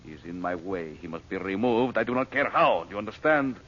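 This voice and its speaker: An actor voices a cold, ruthless villain barking orders in a commanding, menacing 1930s radio-drama style. His lowish voice is a little fast and a bit bright, on a lo-fi old transcription with hiss.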